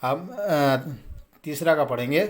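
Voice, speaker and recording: A man teaching Quran reading in a casual, patient way. He asks questions and answers them himself, and he draws out the example words slowly. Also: a little high. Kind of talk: casual spoken lesson.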